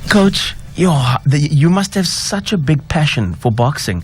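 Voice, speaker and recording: A man's voice: fairly high pitch, big pitch swings, measured pace, a little hiss or hum. A man hosting a radio interview, upbeat and encouraging toward his guests. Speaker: radio host. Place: radio studio.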